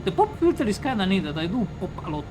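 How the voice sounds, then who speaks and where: A woman with a Spanish accent rambles and jokes while she streams a game, crude and offhand in her chat. Her voice sits at an ordinary middle pitch, close on a pop-filtered mic with game music playing underneath. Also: very animated, quick pace, poor audio. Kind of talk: casual chat while gaming. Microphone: studio mic with pop filter.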